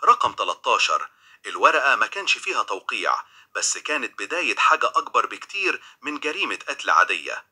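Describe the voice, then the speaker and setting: Bright, husky Egyptian storyteller. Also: male voice, medium pitch, sing-song, a little fast. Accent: Egyptian Arabic. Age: young adult. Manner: dramatic, tense. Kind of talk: scripted first-person crime narration.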